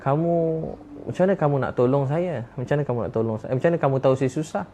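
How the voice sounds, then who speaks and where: A desperate young sinner begs over and over for mercy, put on by a Malaysian preacher in the middle of his sermon. The lines come quickly in a middle-range voice, with a faint hiss behind them. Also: mid-range voice, warm tone, pitched above the performer's own voice, close to an everyday voice. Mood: disbelieving. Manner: pleading, repetitive. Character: desperate young male sinner begging forgiveness.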